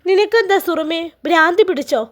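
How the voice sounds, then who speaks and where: A woman's voice: very high-pitched, fairly quick. A woman voicing an angry man who scolds his sister harshly, with a Malappuram Malayalam accent. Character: angry older brother, a man.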